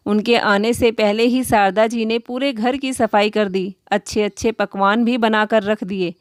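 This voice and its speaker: A woman storyteller reading a scripted moral story at a steady, even pace, recorded on a close microphone in a quiet room. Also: mid-range voice, unhurried, dry recording.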